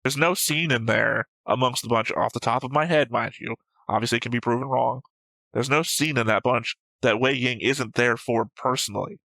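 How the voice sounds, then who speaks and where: This co-host of an anime reaction show debates casually, matter-of-fact and argumentative as he takes points apart. His medium-pitched voice is gravelly, bright and forceful at normal speed, heard on a dry, rough recording.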